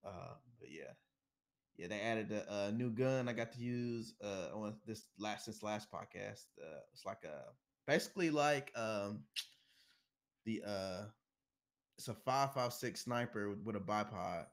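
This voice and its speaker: A man's voice: lowish voice, expressive, a little slow. A man co-hosting a casual gaming podcast over voice chat, laid-back and rambling, swearing often. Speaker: podcast co-host.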